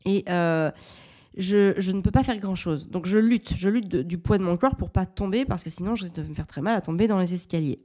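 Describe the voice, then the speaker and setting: A woman in her thirties hosts a parenting podcast and tells a personal story in a low, mellow voice. Her delivery is candid and reflective, and she often restarts her sentences. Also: fairly quick.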